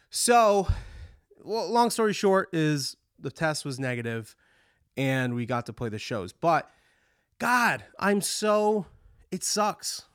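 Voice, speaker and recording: The speaker is a touring musician and podcast host giving a rambling, frank monologue on his show, swearing often while congested from a cold. His voice is medium-pitched, and the studio-quality recording has no room sound.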